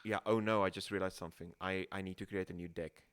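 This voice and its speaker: A man guiding a casual streamed tabletop game, rambling and halting with many restarts. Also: low voice, steady tone, smooth. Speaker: game facilitator.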